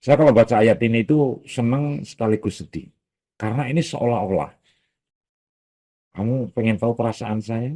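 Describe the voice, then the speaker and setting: A man giving a Quran commentary lesson at a boarding school, lively and acting out quoted speech. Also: medium pitch, moderate pace, long pauses. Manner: animated, acts out quoted speech, mixes in local phrases.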